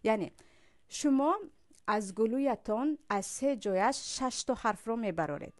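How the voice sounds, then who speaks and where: A woman with a Tajik accent gives a patient pronunciation lesson, stretching out throat sounds and saying them again and again. Her voice sits a little high. She explains each point plainly, as a recitation teacher would. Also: animated, darkish tone. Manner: slowly demonstrates and repeats sounds from the throat.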